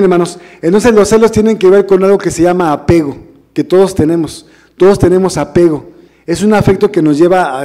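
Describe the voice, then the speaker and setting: Male minister, high mellow voice, chatty sermon delivery full of rhetorical questions to the flock. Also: in a large hall. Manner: conversational, addresses congregation as brothers, asks rhetorical questions. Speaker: minister preaching. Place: church hall.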